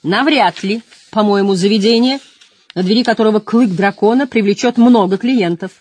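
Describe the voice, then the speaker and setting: A sneering, threatening male officer who spits his words through his teeth, as an audiobook reader puts him on. The voice sits raised above the reader's own and pushes out louder on its taunts. The recording is close and dry. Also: medium pitch, normal speed, dry recording, pitched above the performer's own voice, natural voice. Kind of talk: audiobook reading.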